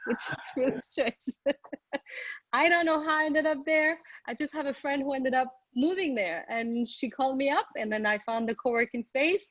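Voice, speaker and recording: This remote business presentation comes from a middle-aged Moroccan woman who sounds upbeat and chatty, peppering her talk with ums and restarts. Her voice is a little high and fairly bright, captured on a call microphone in a muffled recording with no room sound.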